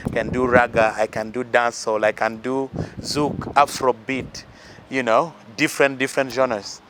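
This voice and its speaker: Heavy background noise surrounds a man speaking at normal speed, medium pitch and with little pitch movement. He is a northern Ugandan musician with a Ugandan accent who earnestly talks through life advice and his influences in an interview, with many fillers and restarts.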